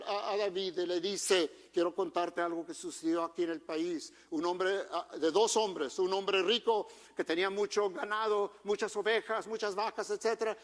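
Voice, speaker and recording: High-voiced pastor in a reverberant church. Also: male voice. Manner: conversational, mixes English phrases, asks congregation questions. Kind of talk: bilingual sermon. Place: church auditorium. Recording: long hall reverb.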